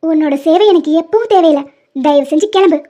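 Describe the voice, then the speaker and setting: Playing the female lead in an animated romance dub, a woman scolds the man who wronged her as an angry young mother, rejecting him in exasperation. She talks fast in a very high, warm voice. Faint music sits under the dull, lo-fi recording.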